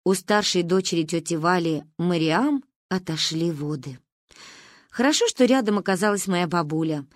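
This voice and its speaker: A woman narrating a story in an expressive, animated reading. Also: on the low side, moderate pace, no echo, clean studio sound. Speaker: audiobook narrator.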